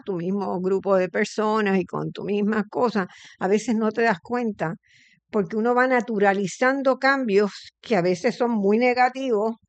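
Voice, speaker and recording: A middle-aged woman hosting an interview, thinking aloud in a reflective way with frequent pauses and fillers. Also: mid-range voice, no echo. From Puerto Rico. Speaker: interview host. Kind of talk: conversational interview.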